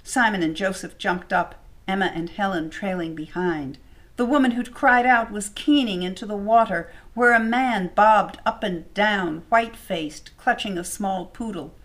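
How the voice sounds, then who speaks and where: A woman reading her own short story aloud at home, in a measured storytelling manner. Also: mid-range voice.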